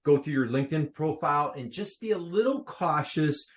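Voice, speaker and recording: A man's voice: fairly high pitch, expressive, moderate pace. A man hosting a live online workshop, upbeat and playful, quizzing his audience over a video call. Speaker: workshop host.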